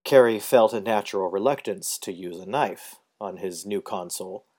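Male audiobook narrator, somewhat low, calm measured storytelling. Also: breathy edge.

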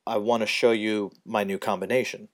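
Bewildered, excitable man, read by a male narrator, somewhat low voice. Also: moderate pace, natural voice. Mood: exasperated. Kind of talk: audiobook character reading.

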